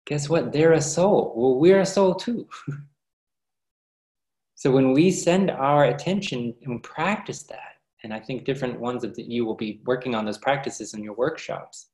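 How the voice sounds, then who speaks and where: A man giving a reflective spiritual talk to workshop participants, speaking in a gentle, unhurried, earnest way. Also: mid-range voice. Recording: roomy echoey sound.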